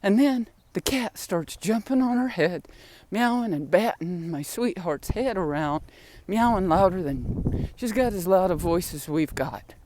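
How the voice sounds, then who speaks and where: This older woman's voice sits on the low side and is warm and animated, moving a little slowly with few pauses. A vlogger, she tells rambling, chatty stories about family and pets, sprinkling in laughs and sighing asides while walking home with groceries through the wind.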